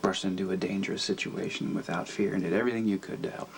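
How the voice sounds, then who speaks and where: Soft reassuring man at a hospital bed, low flat voice with fry, hiss behind. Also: quick pace. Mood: tender. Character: gentle man comforting a woman he rescued. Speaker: rescuer at a hospital bedside. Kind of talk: soap opera acting.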